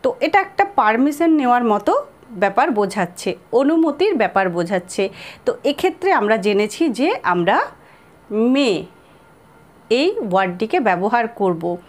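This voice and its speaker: A woman with a Bengali accent teaching spoken English, repeating example sentences slowly and spelling words out letter by letter. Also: fairly high pitch, sing-song.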